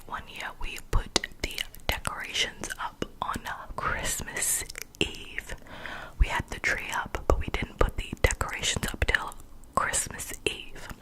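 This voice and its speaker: Slow cupped-hand ASMR whisper. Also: low-quality recording. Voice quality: breathy, unvoiced whisper. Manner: slow, softly repeats words and phrases. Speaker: ASMR video maker.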